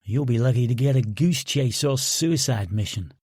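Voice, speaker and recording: A man's voice: mid-range voice, moderate pace, a little mellow, husky, no echo, studio quality. A man voicing a brash, mocking American sergeant in an audiobook, talking in cocky, needling banter. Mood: taunting.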